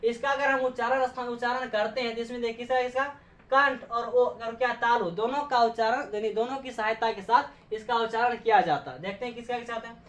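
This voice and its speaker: A woman's voice: fairly high pitch, fairly even intonation, a little fast. A woman teaching a class, asking questions and answering them herself, repeating points and checking in with frequent okays. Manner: frequent "okay" checks with students. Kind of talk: classroom lecture. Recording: echoey room, dull lo-fi sound.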